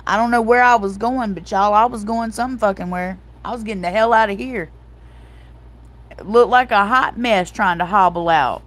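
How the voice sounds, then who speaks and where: Middle-aged female host, casual livestream chat, lively storyteller. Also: mid-range voice, normal speed. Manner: animated storytelling, addresses viewers as y'all.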